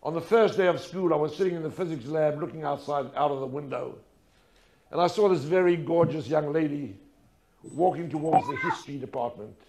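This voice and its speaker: With huge pitch swings and a darkish tone, a man whose voice is a little high talks a little fast. He is an older speaker delivering a storytelling lecture about his own life, emphatic and dramatic, leaning on repetition and rhetorical questions.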